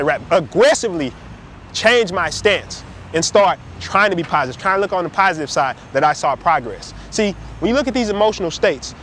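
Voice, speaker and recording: A man giving an emphatic, animated motivational talk straight to camera. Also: slight background noise. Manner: animated, emphatic, swings between high and low. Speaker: motivational speaker.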